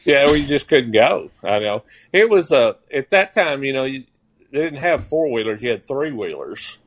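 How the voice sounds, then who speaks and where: A man in his sixties with an Arkansas accent talks as a farmer guest on a casual radio show. His delivery is folksy and plain, with halting starts as he thinks aloud. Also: medium pitch, sing-song. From Arkansas, United States. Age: 60s.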